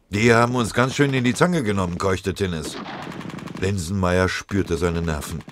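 Deep-voiced male audiobook narrator. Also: noisy background. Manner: dramatic, vivid storytelling.

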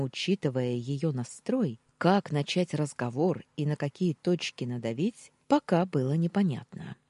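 A woman reads a first-person audiobook in a measured, expressive way. Her voice is low and husky, with a mellow darkness. The pitch moves in lively swings through the sentences. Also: no echo. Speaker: audiobook narrator.

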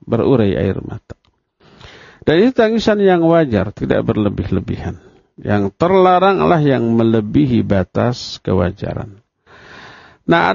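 A man's voice: medium pitch, creaky, darkish tone, no room sound. A man preacher giving a religious study lecture. He poses rhetorical questions, answers them himself, and acts out what people would say. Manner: acts out quoted speech of the dead and the family. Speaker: Islamic preacher. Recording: dull, dry lo-fi lecture recording.

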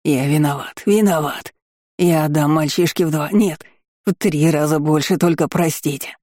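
A panicky, shrill shopkeeper from an audiobook fantasy tale, sobbing and pleading in a high, strained voice, as a male reader puts him on. He sounds desperate and frantic throughout, his voice pitched well above an ordinary man's. The recording is close and dry. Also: moderate pace, darkish tone, no room sound, natural voice. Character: hysterical pleading male shopkeeper caught lying.

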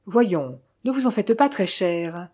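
A woman's voice: medium pitch, expressive, takes it slowly, darkish tone, breathy edge. A woman reading as a teasing, cheerful young woman in an audiobook. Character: confident young woman aviator passenger, teasing.

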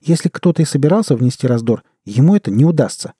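A man voicing a calm, firm young woman who takes charge, in an audiobook. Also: medium pitch, quick pace, husky, no room sound, clean studio sound, voice pushed up. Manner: quiet but firm. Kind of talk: audiobook character reading.

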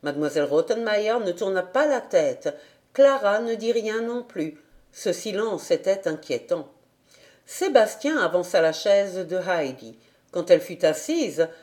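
A woman reading a children's novel aloud as an audiobook, in an expressive, measured way. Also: mid-range voice. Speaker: audiobook reader. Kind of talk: storybook narration.

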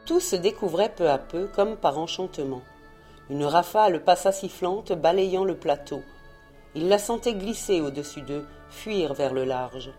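A woman narrating a novel in a measured, expressive reading voice. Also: lowish voice, faint music behind. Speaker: audiobook reader. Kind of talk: scripted narration.

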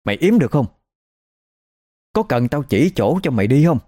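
A man voicing the angry spirit of a dead mother who speaks through a grandmother, scolding and shouting accusations. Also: medium pitch, sing-song, moderate pace, pitched above the performer's own voice. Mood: furious.

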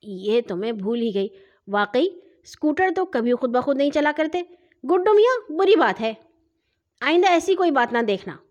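A woman's voice: fairly high pitch, expressive, darkish tone, lo-fi sound, close to an everyday voice. A woman voicing a flustered mother in a children's story, stammering in fright and scolding her son. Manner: stammering and panicky. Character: flustered, fearful mother of a household.

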